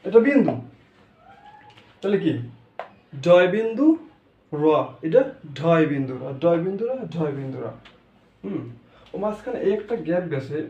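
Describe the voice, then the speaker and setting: A man teaches pronunciation. His voice is high and mellow, and he drills each sound through repeated questions he answers himself. The recording is dull and lo-fi, in a room with lots of echo. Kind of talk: pronunciation lesson.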